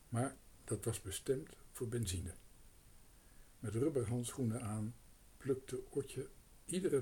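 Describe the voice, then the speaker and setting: A man reading a children's story aloud in an unhurried, expressive way. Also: mid-range voice, husky. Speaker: reader.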